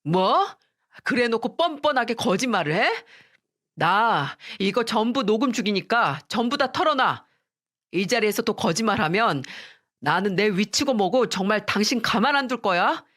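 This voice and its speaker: Angry older brother, scolding and threatening, read by a woman narrator, pitched a bit higher than her own voice. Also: lively intonation, normal speed. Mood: furious. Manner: shouting, scolding.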